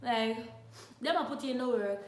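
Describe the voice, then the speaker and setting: High-voiced Jamaican woman chatting. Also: normal speed, echoey room. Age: young adult. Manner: chatty, drifting between patois and English. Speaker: YouTuber. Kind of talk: casual chat to viewers.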